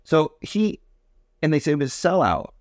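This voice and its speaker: A man co-hosting a podcast in casual conversation, talking haltingly with many restarts and stammers. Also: a little high, big pitch swings, no room sound, clean studio sound. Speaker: podcast co-host.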